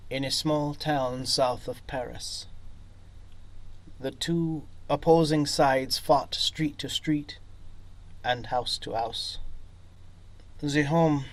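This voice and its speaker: A man voicing a solemn, regretful former German soldier in a read-aloud story, speaking slowly and gravely. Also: medium pitch, poor audio. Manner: slow, grave, measured.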